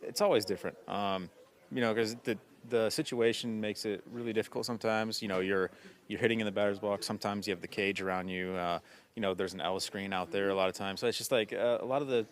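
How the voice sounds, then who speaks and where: A man's voice: fairly low pitch, fairly even intonation, fast. A young man, a baseball player, answering in a casual clubhouse interview, easygoing with lots of "you know"s.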